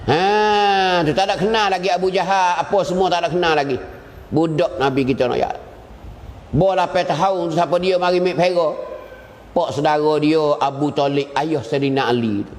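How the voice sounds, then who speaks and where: A man delivers an Islamic lecture in a fairly high voice. His storytelling swings up and down in pitch and keeps repeating short phrases. The sound rings with a long hall reverb. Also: moderate pace. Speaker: religious teacher.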